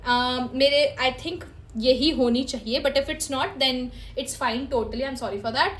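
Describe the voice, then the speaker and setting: A woman law teacher giving a lecture. She explains each point by repeating it and reads her English notes slowly. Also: sits high, a bit bright. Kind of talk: lecture in mixed Hindi and English.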